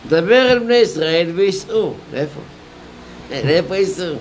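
A male rabbi delivers a Torah lecture in a somewhat high voice. He explains patiently, asks rhetorical questions, tells small stories and stretches key phrases slowly. Faint noise sits under the recording. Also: expressive, poor audio. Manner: deliberate, drawn-out phrasing with pauses.

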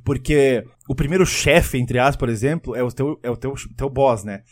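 A man's voice: mid-range voice, moderate pace. A man chatting casually and animatedly about a video game, often laughing and acting out what people say. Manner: animated, laughing, acts out quotes.

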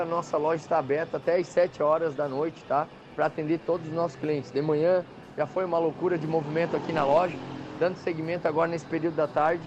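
A man with a southern Brazilian accent giving an insistent hard-sell live ad as a store manager, repeating prices and deals. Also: fairly high pitch. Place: outdoors or storefront by a busy avenue. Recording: dull outside-broadcast line, clear street noise. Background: noisy traffic.

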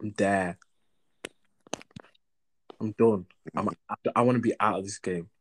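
A man's voice: on the low side, steady tone, measured pace. A young man with a London roadman accent, chatting casually and protesting in slangy, repetitive bursts. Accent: London, urban roadman slang style. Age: young adult. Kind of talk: casual banter chat.

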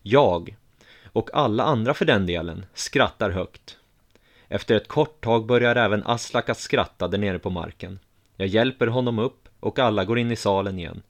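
Male audiobook narrator, low voice, calm first-person storytelling.

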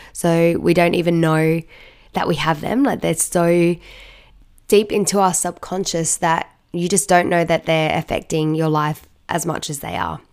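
A woman with a croaky, hoarse frog voice from being sick with a cough, hosting a podcast alone in a chatty, informal way. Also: lowish voice, darkish tone. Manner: chatty, informal, many "like" asides. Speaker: podcast host. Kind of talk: casual solo podcast talk.

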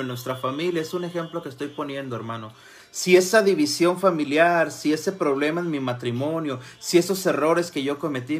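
Male preacher, slightly high voice, fervent sermon that swings between soft and loud, faint music underneath. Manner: swings from soft murmurs to loud fervent cries, addresses listeners as brothers.

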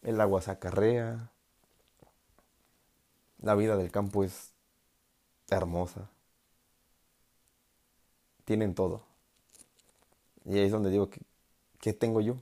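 A man's voice: steady tone, slow, long pauses, warm tone. A young man with a Mexican accent talking casually to his audience, joking and laughing, then turning earnest. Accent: Mexican Spanish. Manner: joking, laughing, mocks others in put-on high voices. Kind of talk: casual monologue.

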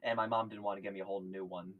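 A man's voice: sits low, little pitch movement, narrow, tinny audio. A young man co-hosting a podcast, telling chatty stories in casual talk. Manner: quick, chatty, nostalgic storytelling. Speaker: podcast co-host. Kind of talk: casual chat.

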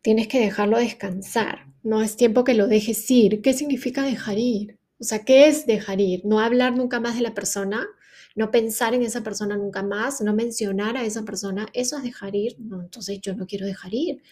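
A woman's voice: on the high side, steady tone, moderate pace, a little mellow. A woman speaking earnestly in a reflective solo podcast, often asking rhetorical questions and adding a questioning tag. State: grieving mother. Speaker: podcast host.

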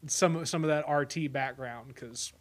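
A man's voice: medium pitch, unhurried, slight background noise. An American man hosting a casual interview, effusive and jokey, with a rambling way of talking. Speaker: podcast host.

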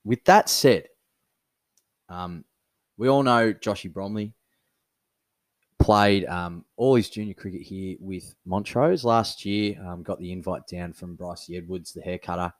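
An Australian man with a low voice co-hosts a podcast, telling stories in casual chat at a measured pace. He is animated and laughs often, and the recording is dry.

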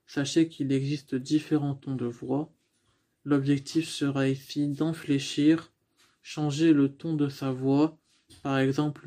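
A speaking coach with a mellow, mid-range voice gives an instructional talk on using the voice in communication. He works through it step by step, with frequent restarts and fillers.

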